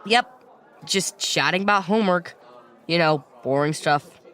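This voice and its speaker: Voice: mid-range voice, unhurried, sharp tone. An actor voicing a wisecracking teenage schoolboy who grumbles and jokes. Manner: whiny and joking.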